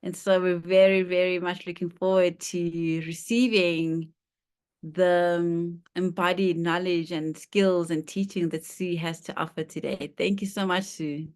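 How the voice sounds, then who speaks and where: Clear, smooth-voiced woman hosting a welcome. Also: on the low side, level tone, unhurried, a little mellow. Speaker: host introducing a guest teacher. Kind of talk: informal spoken welcome to an online gathering.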